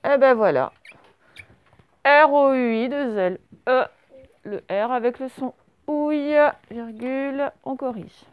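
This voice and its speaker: A woman's voice: high-pitched, slow, smooth, no room sound, dull audio. A woman teaching a dictation lesson to young children, patiently spelling out words letter by letter. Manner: patient and encouraging. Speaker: primary school teacher.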